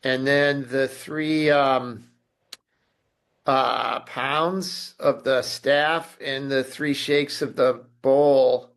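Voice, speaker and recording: A man from the audience asking a question haltingly, with many pauses and ums. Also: mid-range voice, fairly bright tone.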